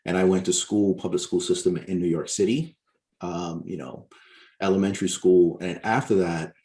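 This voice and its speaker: A man with a very low, deep voice lays out his points in a measured, explanatory way, often tagging "right?" onto his sentences. He is from Barbados and speaks as a guest author on a podcast interview. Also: steady tone, darkish tone.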